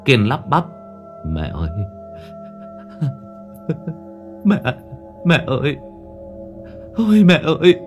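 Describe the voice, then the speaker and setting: A man narrating a horror story with dramatic expression. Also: fairly low pitch. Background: faint music.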